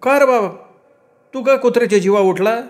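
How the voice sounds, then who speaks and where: A man's voice: extremely high pitch, a little fast, pitched above the performer's own voice. A man voicing a strong-willed older village mother who scolds in rustic speech. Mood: scolding.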